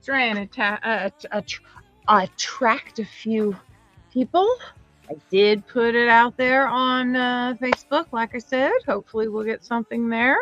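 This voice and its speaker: A woman hosts a live craft sale in a slow, chatty, rambling way, full of little fillers. Her voice sits a bit high. The stream audio is dull and lo-fi, with faint music underneath. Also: fairly even intonation, a bit bright. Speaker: online craft sale host. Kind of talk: casual live-stream selling.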